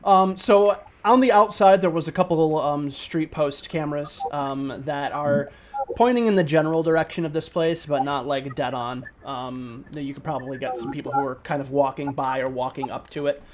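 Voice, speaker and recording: A man narrating a tabletop game as game master, relaxed and full of ums and likes. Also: fairly high pitch, normal speed, a little hiss or hum.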